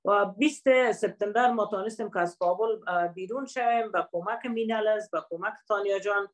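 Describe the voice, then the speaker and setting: Fast-talking woman speaker. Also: medium pitch. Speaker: panel speaker. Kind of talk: online panel remarks.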